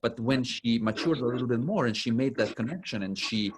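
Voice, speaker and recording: A man's voice: expressive, brisk, husky. A middle-aged man from Italy, a pianist and professor, chatting as a guest and telling family stories, acting out quoted lines in a lifted voice. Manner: warm storytelling, acts out quoted lines in a higher voice. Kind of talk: casual interview chat.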